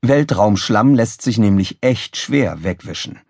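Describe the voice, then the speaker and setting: A man narrating a children's audiobook in a lively, expressive reading, close to a studio mic. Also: lowish voice, measured pace, gravelly, slightly rough, no room sound. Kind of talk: scripted children's story narration. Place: recording studio.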